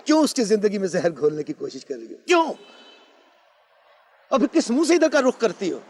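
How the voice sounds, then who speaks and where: A man's voice: high-pitched, wildly swooping pitch, fairly quick, darkish tone, full character voice. An actor playing a stern, angry father who scolds harshly and raises his voice, with drama score music behind. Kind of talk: 1980s TV drama acting.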